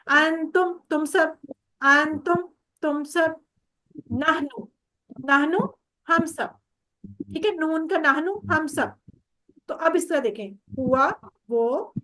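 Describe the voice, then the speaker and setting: A woman's voice: sits high, fairly bright tone. A woman teaching an online Arabic class, patiently repeating each word over a video call.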